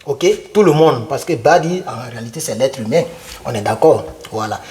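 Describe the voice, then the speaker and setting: Animated man teaching vocabulary. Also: mid-range voice. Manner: repeats words slowly, drills pronunciation, talks to viewer. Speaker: English teacher. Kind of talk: casual video lesson.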